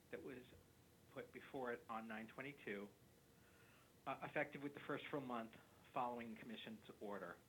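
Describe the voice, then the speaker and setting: A man's voice: medium pitch, fairly bright tone, a little hiss or hum, poor audio. A man on commission staff laying out formal recommendations in a methodical, businesslike way.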